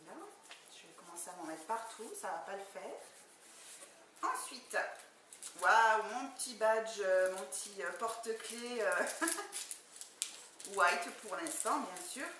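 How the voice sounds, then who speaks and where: Excited woman going through her makeup kit, lots of "euh", echoey room with some noise. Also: mid-range voice, unhurried. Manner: chatty, enthusiastic, many fillers. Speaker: beauty vlogger. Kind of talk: casual product unboxing. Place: indoor room, far from the camera. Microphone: camera mic at a distance. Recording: echoey room, distant mic, background noise.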